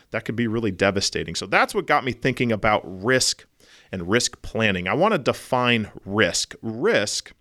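A hoarse man with a cold, hosting a podcast in a rambling, self-joking monologue. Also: fairly bright tone. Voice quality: low husky baritone. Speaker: podcast host.

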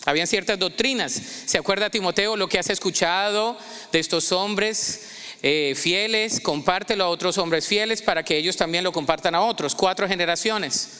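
A high, bright-toned man preaches to his congregation, calling out for responses and repetition. His clear voice rings through the long echo of a church hall. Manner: call-and-response, exhorting the congregation. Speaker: pastor. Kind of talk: sermon. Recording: echoey hall.

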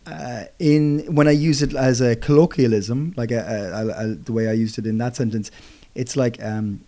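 A man's voice: medium pitch, steady tone, normal speed, warm tone. A young man co-hosting a podcast that teaches English through casual chat. He rambles, corrects himself mid-sentence and laughs often. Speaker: podcast co-host.

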